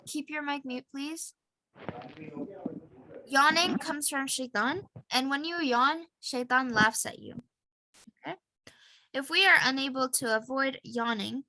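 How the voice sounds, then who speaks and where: A woman's voice: high-pitched, pushed and bright, slight background noise, poor audio. A young woman teaching an online class over a video call, patiently having students repeat phrases after her.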